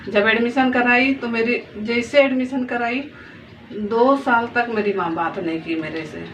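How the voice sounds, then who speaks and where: A woman's voice: on the high side, a little slow, fairly bright tone. A woman in her thirties, a mother of two daughters, telling her story and pleading earnestly, repeating phrases as she speaks. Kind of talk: emotional personal testimony to camera. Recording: distant, dull lo-fi phone audio with faint noise.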